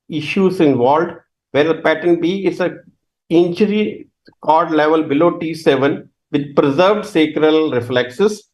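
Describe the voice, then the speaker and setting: A man delivers a medical lecture over a live webinar. His voice sits a little higher than most men's, and he talks steadily through technical detail while stopping on fillers and correcting his own words. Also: a little mellow, low-quality recording. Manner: hesitant, with fillers and self-corrections.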